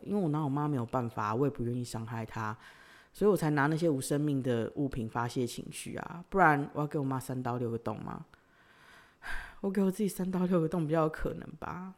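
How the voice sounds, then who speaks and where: A woman, hosting a podcast and telling a personal story, swinging between loud outbursts and quiet sighs. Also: low voice. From Taiwan. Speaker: podcast host.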